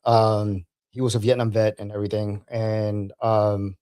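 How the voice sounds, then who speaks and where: A man, an Army veteran guest, talking casually in an interview, halting and repeating words, laughing as he tells stories. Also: on the low side, level tone, mellow.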